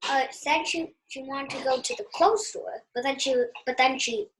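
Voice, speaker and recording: A young girl with a high voice retells a story in halting bursts, restarting again and again. Faint hiss and clicks sit underneath. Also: rough recording. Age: child. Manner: halting, full of "and then" restarts. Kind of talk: casual retelling.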